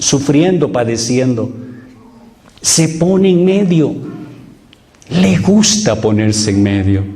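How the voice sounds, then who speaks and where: A man's voice: a little high, darkish tone. A middle-aged man preaching as a priest, emphatic, repeating phrases and putting questions to the congregation. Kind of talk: sermon.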